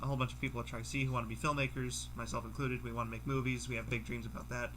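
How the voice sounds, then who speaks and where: A young man chatting casually as a podcast guest, halting and rambling, often repeating his phrases. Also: medium pitch, level tone, noisy background. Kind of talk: casual chat among friends.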